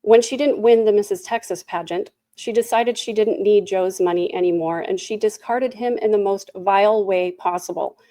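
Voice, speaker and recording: A woman reads a prepared victim impact statement in a solemn, deliberate, accusatory manner with emphatic repetition. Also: mid-range voice, warm tone, dry recording. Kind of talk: prepared statement read aloud.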